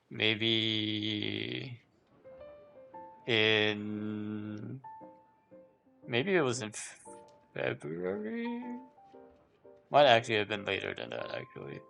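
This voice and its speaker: A man's fairly low, gravelly voice carries a fairly bright tone as he chats casually on a livestream. He muses out loud in a hesitant, meandering way, frequently saying the same things twice.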